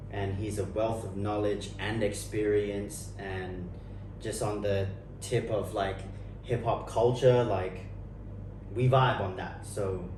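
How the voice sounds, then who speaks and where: A male podcast host who talks in relaxed hip hop slang. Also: fairly low pitch, slight background noise. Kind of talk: casual podcast chat. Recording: roomy sound from a distant mic.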